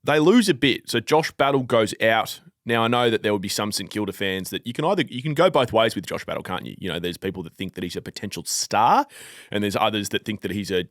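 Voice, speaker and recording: Aussie male podcast co-host, lowish voice, rambling with fillers, dry studio sound. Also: lively intonation, fast talker, dry recording. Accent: Australian. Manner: rambling storyteller, many fillers. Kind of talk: casual footy chat.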